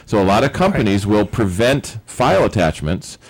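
A man co-hosting a radio show, explaining technical matters in a casual, measured way. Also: on the low side, sing-song, breathy edge, poor audio. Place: radio studio.

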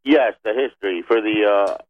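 A man calling in to a radio show over the phone with a tech question. He talks in a hesitant, halting way and fills his pauses. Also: on the low side, no room sound. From Penfield, New York. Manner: hesitant, halting, many filler sounds. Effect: caller heard over a phone line. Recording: dull lo-fi phone line, dry.

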